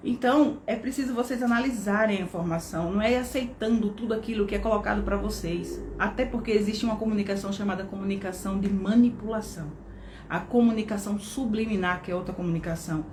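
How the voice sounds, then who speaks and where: A Brazilian woman instructor talks through a lesson at a middle pitch, with explanatory pacing and frequent check-ins with her audience. Her voice carries a roomy echo with a faint noise bed underneath. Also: fast. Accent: Brazilian Portuguese. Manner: explanatory, uses tag questions like "né?" and "tá?". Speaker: course instructor. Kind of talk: online lesson. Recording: echoey room with faint background noise.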